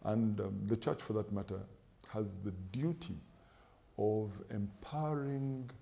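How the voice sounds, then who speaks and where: On a TV studio set with sofas, a middle-aged pastor answers interview questions through a lapel mic in a measured, emphatic preaching style, listing points and quoting scripture. His lowish voice is dark, fairly even in intonation, with vocal fry.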